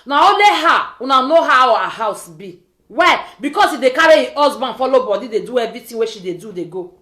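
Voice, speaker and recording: This informal pidgin rant comes from a West African-accented woman whose fairly high, bright voice is animated and a little fast. Like a social media vlogger, she scolds and repeats pointed rhetorical questions. The sound is roomy and echoey.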